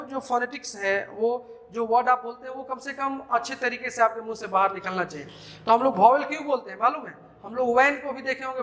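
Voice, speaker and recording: This is a man with a Bihari Hindi accent giving a grammar lesson in a classroom. His voice sits very high and sounds bright and forceful. He dictates each rule slowly and keeps quizzing the class with short questions. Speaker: teacher.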